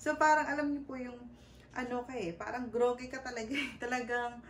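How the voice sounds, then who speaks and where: A woman's voice: a little high, steady tone, fairly quick. A woman in her thirties telling a personal story in a casual vlog. She talks politely and hesitantly, with many fillers and English words mixed in. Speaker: vlogger. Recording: roomy, a bit far from the mic, faint background noise.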